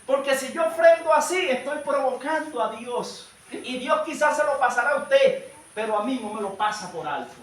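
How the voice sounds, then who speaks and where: A male evangelist with a strikingly high voice delivers a fervent sermon, calling out to his listeners as brothers. He sounds set back from the mic, and a strong echo rolls around the church hall. Faint noise sits underneath. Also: animated, normal speed, far from the mic. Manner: fervent preaching, often addresses listeners as brother. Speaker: evangelist preacher. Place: church service.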